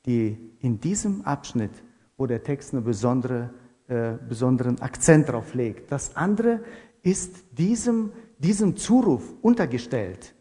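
Male preacher, measured and repetitive, warm low timbre, reverberant church hall. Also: expressive. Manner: measured, repeats phrases for emphasis. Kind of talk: sermon.

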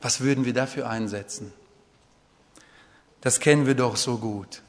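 A man's voice: medium pitch, measured pace. A man preaching a sermon in German, earnest, sometimes rising to fervent pleading. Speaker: pastor. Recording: long reverb of a hall.

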